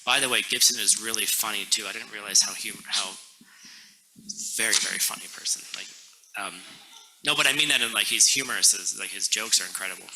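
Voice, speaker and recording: A man teaching a class in a relaxed, joking way, correcting himself as he explains a text. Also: on the low side, brisk, background noise.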